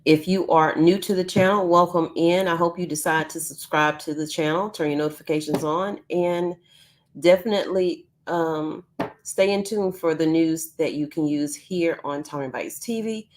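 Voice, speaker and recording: This YouTube news host has a deep voice and talks at a normal speed. She runs a relaxed live news stream from her home, chatting along with plenty of ums while her voice gives out.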